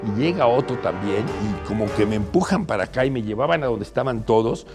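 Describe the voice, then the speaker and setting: Mexican man, anecdote monologue, gravelly voice, faint music underneath, lively storyteller. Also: fairly low pitch, fairly quick. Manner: animated storytelling, acts out the voices of others.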